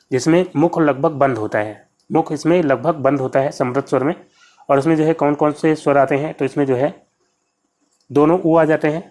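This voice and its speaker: A man's voice: fairly high pitch, a little mellow. Patient male Hindi exam tutor. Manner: patient, explanatory, repeats terms, addresses viewers as friends. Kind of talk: exam prep lesson, explaining answers.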